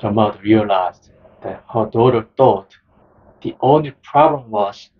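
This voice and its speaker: A man narrating a nonfiction book in the first person, in a slow, measured reading style. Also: fairly low pitch, husky. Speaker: audiobook narrator. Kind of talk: scripted narration. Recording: dull lo-fi sound.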